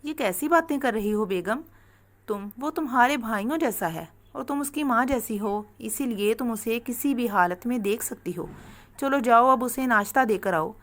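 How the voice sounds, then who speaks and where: A curt, stern young husband in a spoken story, read by a woman. He gives orders and scolds sharply. The voice sits fairly high. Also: animated, moderate pace, lightly acted.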